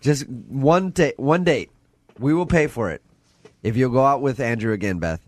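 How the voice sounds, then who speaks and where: Male radio host, playful teasing, lively pitch. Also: normal speed, dry recording. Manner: teasing, joking. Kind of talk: morning radio banter.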